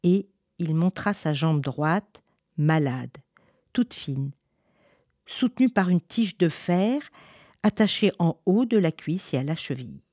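Expressive woman storyteller, low and dry. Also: slow, no room sound. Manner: expressive, soft on sad moments. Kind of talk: read-aloud storytelling.

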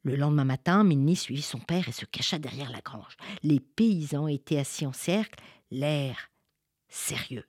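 A woman narrating a children's folk tale with expressive, sing-song storytelling. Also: sits low, moderate pace, breathy edge, dry recording, studio quality.

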